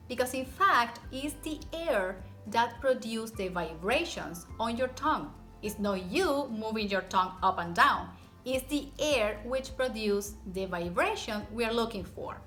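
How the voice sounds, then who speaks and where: A woman's voice: on the high side, bright, forceful tone. A woman teaching pronunciation in an encouraging, step-by-step way, demonstrating rolled and tapped r sounds with repeated example words. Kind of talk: instructional language lesson to camera.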